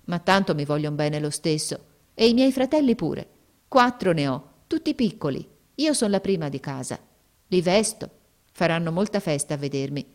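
A woman voicing a gentle, caring twelve-year-old girl in a storybook reading, with a light, raised girlish voice. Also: lowish voice, expressive, moderate pace, close to an everyday voice. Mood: wistful.

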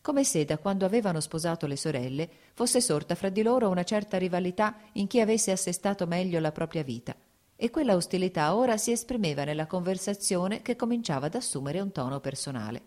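A woman reads a classic novel aloud in a measured, even way. Her voice sits slightly low and steady throughout the scripted narration. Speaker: audiobook narrator.

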